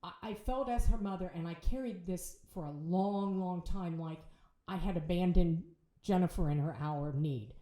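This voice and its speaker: A middle-aged woman tells her story as a podcast guest. Her voice sits a little low and sounds dark and mellow. The room around her is echoey, and she speaks haltingly, with restarts. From Ohio, United States. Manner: halting, with restarts and repeated words. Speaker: bereaved mother, podcast guest. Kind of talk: emotional personal storytelling. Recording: roomy echo.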